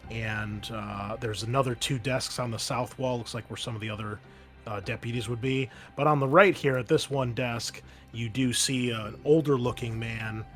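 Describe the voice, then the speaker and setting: A man with a medium-pitched voice acts as game master for a tabletop roleplaying game, narrating in a casual, conversational, halting way.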